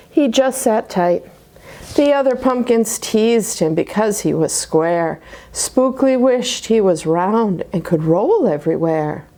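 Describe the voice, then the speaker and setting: In a church story time setting, a woman of medium pitch reads a rhyming children's book with plenty of expression. Every so often she falls to a dramatic whisper.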